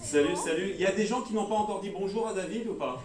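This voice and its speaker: A man's voice: sits high, fast, a crowd in the background. A man giving a comic stage talk, playfully teasing the audience. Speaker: speaker at a humorous talk. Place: cultural venue hall with a live audience. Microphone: handheld mic, filmed by smartphone from the audience. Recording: echoey hall, phone from far off, loud audience.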